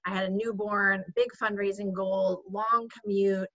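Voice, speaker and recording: A woman's voice: mid-range voice, little pitch movement, unhurried, sharp tone. A woman in her forties, a guest on an interview podcast, talking casually and laughing often. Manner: chatty, laughs often, uses "like" a lot. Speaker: guest, organizing consultant. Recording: dull lo-fi sound.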